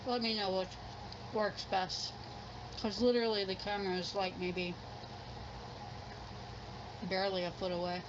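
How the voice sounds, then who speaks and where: A woman's voice: medium pitch, flat delivery, unhurried, pauses often. Middle aged lady just rambling casually on her food vlog, kinda unsure of herself, muffled audio w noticeable noise. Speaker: mukbang vlogger. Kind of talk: casual chat while eating. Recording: muffled sound with clear background noise.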